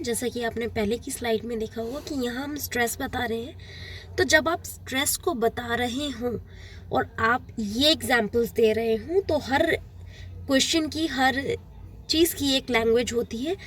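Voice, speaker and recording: A woman's voice: sits high, a little hiss or hum. A woman teacher going through exam-prep slides, explaining plainly and repeating the key points for her students.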